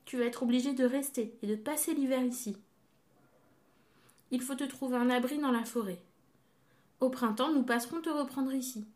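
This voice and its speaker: Storybook wise old blackbirds, calm and advising, read by a woman. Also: sits high, moderate pace, pauses often, lightly acted.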